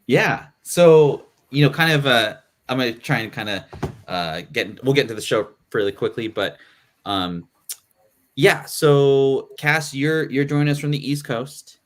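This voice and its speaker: A podcast host runs a casual live panel chat, speaking loosely with lots of fillers and restarts. His voice is medium in pitch and unhurried.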